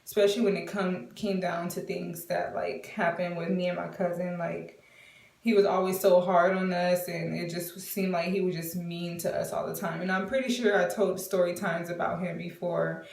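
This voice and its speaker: A woman's voice: fairly low pitch, little pitch movement, moderate pace, creaky, darkish tone. A woman in her twenties telling a casual storytime, chatty and full of fillers, acting out what people said. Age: 20s. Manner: chatty, many fillers, acts out quotes. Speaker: vlogger. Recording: roomy, from a distance.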